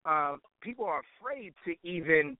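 A slightly high male voice with big swings in pitch comes through phone-quality audio with no echo, at normal speed. The speaker, a musician and producer, chats casually as an interview guest, slangy and informal and often saying "you know."

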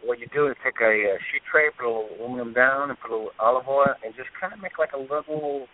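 A man's voice: mid-range voice, quick pace. A man co-hosting a casual radio chat, talking in a chatty, storytelling way with plenty of fillers. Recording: phone-like call-in audio.

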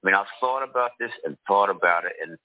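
An older man with a deep, rich bass voice thickened by a cold, talking haltingly and deliberately as an interview guest. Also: narrow, tinny audio. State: congested with a cold. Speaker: guest, political activist and disclosure advocate. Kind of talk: interview talk.

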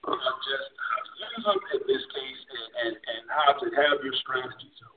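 A man's voice: mid-range voice, animated, very noisy. A man hosting a casual chat show, asking questions and often repeating words mid-thought. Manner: halting, repeats words while thinking. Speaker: host. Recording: tinny phone-line sound.

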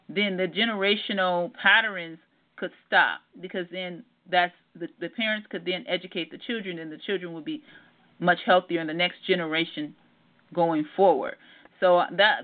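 A middle-aged woman, a family therapist, calling in to a radio show over the phone. She talks earnestly, with many ums and repeated words. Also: fairly low pitch. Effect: heard over a phone line. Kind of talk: casual radio call-in interview. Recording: narrow tinny phone line.

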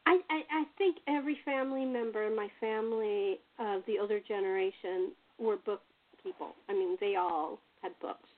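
A woman with a medium-pitched voice speaks at normal speed as a host and playwright in a casual panel chat, telling anecdotes and often chuckling. The audio is narrow and tinny, like a phone call.

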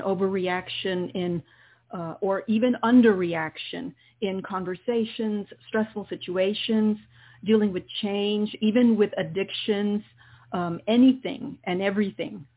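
A woman guiding a meditation session as a healer, speaking in soothing, deliberate phrases with pauses. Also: mid-range voice, breathy edge. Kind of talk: guided meditation, partly improvised spoken instruction. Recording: muffled, phone-like narrow sound.

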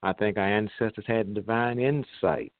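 A man hosting an online radio talk show, heard over a phone line, speaking in a measured way with pauses and fillers. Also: lowish voice, fairly even intonation, no room sound. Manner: measured, pausing, with many fillers. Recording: tinny, dry phone line.

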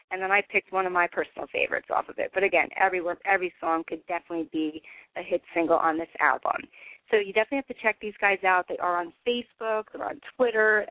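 A woman's voice: fairly low pitch, dry recording. New Jersey woman hosting over tinny phone-line audio. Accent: Northeastern US, New Jersey. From New Jersey, United States. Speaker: radio show host, interviewer. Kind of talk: casual radio hosting.

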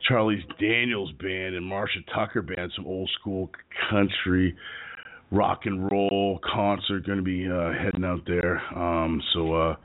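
Male sports talk host: gravelly and hoarse, deep, informal, on narrow-band internet radio. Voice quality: rough, gravelly voice from sore throat. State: hoarse, getting over strep throat. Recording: muffled, band-limited internet radio audio.

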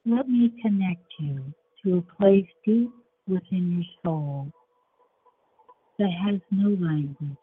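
A woman leading a guided relaxation meditation in a soothing, measured way, with long pauses between short phrases. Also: lowish voice, husky. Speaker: show host and guided imagery facilitator. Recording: dull lo-fi sound with faint background noise.

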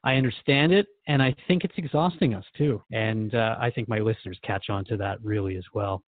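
A man hosts and conducts a conversational radio interview, speaking informally and reflectively, sometimes hesitating as he thinks out loud. His voice is on the low side and a little fast, with phone-quality sound and a slight hiss or hum.

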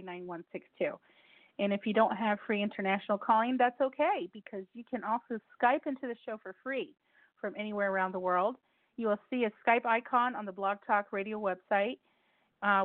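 A medium-pitched woman, Spanish being her first language, chats her way through hosting an informal call-in radio show. She repeats details and trips on her words, and the recording is a dry, thin-sounding phone line.

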